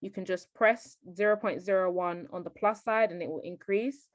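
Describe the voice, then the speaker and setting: A woman's voice: medium pitch, moderate pace, no room sound. A woman giving a trading tutorial as a voice-over on a screen recording, explaining step by step and often checking in with the viewer. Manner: explanatory, keeps checking in with "okay?".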